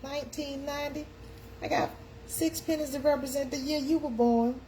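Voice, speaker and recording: Woman host, 50s, chatty, higher pitched, faint hiss behind her. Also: fairly even intonation, normal speed, warm tone. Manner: chatty, calls out to viewers. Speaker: live stream host. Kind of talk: casual live chat.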